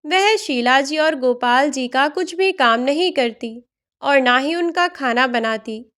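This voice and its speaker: A woman narrating a family moral story in a steady, plain storytelling manner. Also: sits high, slow pace.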